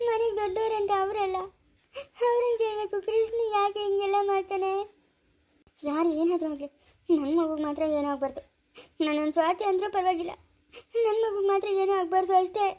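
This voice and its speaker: Woman doing a frantic high-voiced young mother. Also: fairly even intonation, a little fast, mellow. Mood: tearful. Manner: pleading, tearful, then threatening. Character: anxious young mother fiercely protecting baby. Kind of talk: cartoon voice acting.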